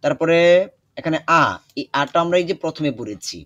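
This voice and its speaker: A young man teaching an online Quran recitation class, patient and repetitive, often pausing with hesitations. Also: on the high side, lively intonation, a bit bright, no room sound, highs cut off. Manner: patient, repeats instructions, many hesitations.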